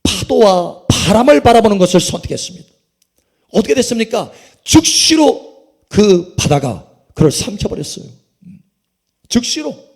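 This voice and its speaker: A man's voice: sing-song, moderate pace, gravelly, pauses often, a little mellow, husky. A man preaching a sermon as pastor, with emphatic swells in his delivery. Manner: emphatic preaching, sweeping pitch swings.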